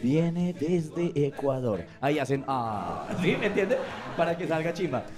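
A man hypes up the next comic with slangy praise. His voice sits a little high, like a host warming up a stage. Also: expressive, measured pace. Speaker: show host introducing comedians. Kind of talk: stage introduction.

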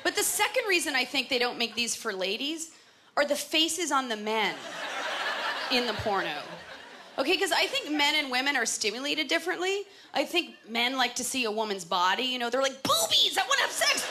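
Lively high-voiced woman doing stand-up. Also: moderate pace, background noise. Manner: chatty, self-mocking, acts out bits in put-on voices. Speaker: stand-up comedian. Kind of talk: stand-up comedy set. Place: comedy club stage. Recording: live club with loud crowd laughter. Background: audience laughing.

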